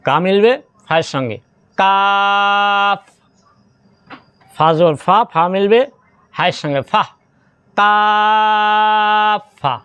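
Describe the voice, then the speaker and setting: A man teaching Quran reading, slowly spelling out Arabic syllables in step-by-step drills and drawing out recited words. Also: fairly high pitch, animated, a bit bright, clean tone, no room sound, highs cut off.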